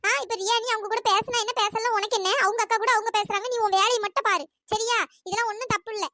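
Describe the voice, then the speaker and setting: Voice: extremely high pitch, steady tone, fast, bright, forceful tone. A performer voicing a level-headed young daughter in a cartoon story, reasoning firmly.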